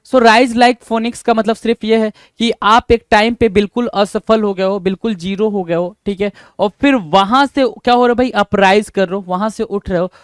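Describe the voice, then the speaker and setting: A man with a high, smooth and resonant voice teaches English idioms for an exam-prep lesson. He switches between Hindi and English and drills each phrase slowly. The sound is dry and close. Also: no room sound. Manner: asks rhetorical questions to students.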